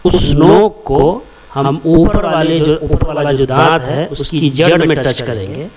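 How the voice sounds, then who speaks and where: A man teaching a slow alphabet lesson, repeating each letter several times and explaining step by step where it is made in the mouth. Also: fairly high pitch, a loud crowd. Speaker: Arabic teacher.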